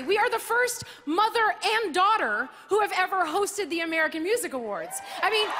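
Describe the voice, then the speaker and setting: A woman's voice: very high-pitched, heavy background noise. A woman hosting an awards show with a playful, self-mocking comedic monologue on a big stage. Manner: playful, self-mocking, bursts into sung lines. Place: large live arena stage. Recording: live arena sound with loud crowd. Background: audience applause and cheering.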